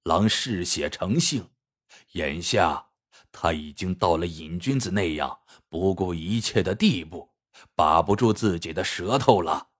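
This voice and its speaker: A man narrating a story in a scripted, measured way. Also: deep voice, animated. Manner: unhurried, measured.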